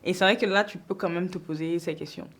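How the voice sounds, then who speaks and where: A woman from Côte d'Ivoire hosting an interview, friendly and chatty, quick to laugh. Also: fairly low pitch, steady tone, fairly bright tone, slightly rough. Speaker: host. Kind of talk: casual interview conversation.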